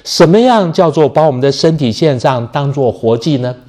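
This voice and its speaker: A man preaching with a warm, mellow tone and a lively, rising-and-falling delivery. He asks his listeners questions and then answers them himself. He stretches out the key phrases he wants to stress. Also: a little high, moderate pace. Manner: opens sentences with a habitual filler word. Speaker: pastor. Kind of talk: sermon.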